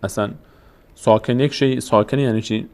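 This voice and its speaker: Speaking in a steady, mid-range voice that is darkish, clear and resonant, a man with a Tajik Persian accent walks through Quranic reading signs step by step. He is patient and explanatory, often answering questions he raises himself.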